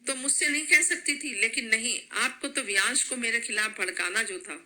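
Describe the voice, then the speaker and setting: A woman storyteller voicing an angry young wife and mother who shouts and accuses. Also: a little high, moderate pace.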